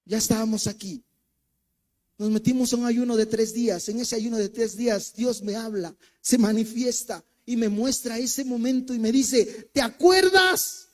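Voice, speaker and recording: A man with a Mexican accent, a co-pastor preaching in church, who tells a personal story with animated swings between loud and hushed speech and acts out the voices in it. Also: very high voice, normal speed. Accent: Mexican Spanish.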